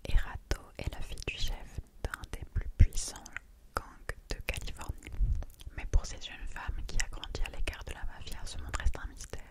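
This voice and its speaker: A young adult speaks in a soft, library-like ASMR whisper, reading aloud and chatting informally about books. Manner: reads blurbs aloud with informal asides. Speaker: ASMR book haul creator. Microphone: streaming microphone close by.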